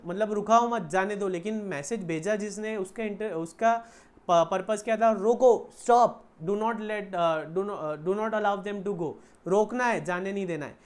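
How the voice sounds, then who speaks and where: A man with an Indian accent teaching an accounts lecture, asking the class questions and answering them himself. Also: high voice. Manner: explains slowly in mixed Hindi and English, asks and answers own questions.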